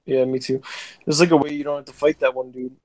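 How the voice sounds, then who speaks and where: A man's voice: mid-range voice, little pitch movement, quick pace, a little mellow. A young man chatting loosely while playing a co-op game with a friend. He riffs on silly, absurd jokes in an ordinary mid-range voice. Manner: goofy, riffing absurd jokes. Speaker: gaming co-host. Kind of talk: casual co-op gameplay chat.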